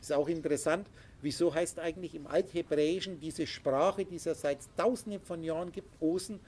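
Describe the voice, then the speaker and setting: Speaking briskly with a darkish tone, fairly even intonation and a slightly high pitch, a man lectures a small group he leads spiritually. Emphatic and insistent, he adds sound effects against faint background noise.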